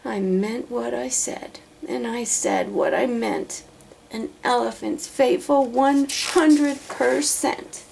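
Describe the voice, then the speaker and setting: A woman's voice: a little high, slow pace, creaky, darkish tone, a little hiss or hum, pitched above the performer's own voice, full character voice. Lady doing a sad faithful boy elephant from a kids book, earnest, a bit plaintive. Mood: sad resolve. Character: faithful, gentle, long-suffering male elephant, sad and earnest. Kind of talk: children's storybook read-aloud.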